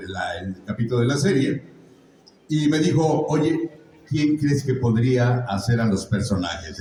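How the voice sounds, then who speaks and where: A man's voice: medium pitch, a little mellow, a little hiss or hum. An older man with a Mexican accent tells stories to a live audience in a chatty, joking, teaching way. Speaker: voice actor guest on a convention panel. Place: large echoey convention hall. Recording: echoey hall, voice from far off.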